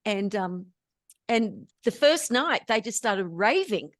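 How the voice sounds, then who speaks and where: An Australian woman telling lively stories as an interview guest, often laughing between anecdotes. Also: medium pitch, takes it slowly, no room sound, clean studio sound. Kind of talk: storytelling in casual interview chat.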